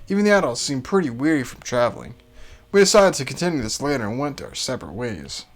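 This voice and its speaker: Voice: medium pitch, big pitch swings, quick pace. A reader of ambiguous-sounding gender giving a dramatic reading of story narration and inner thoughts. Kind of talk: dramatic reading of a visual novel. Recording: music behind.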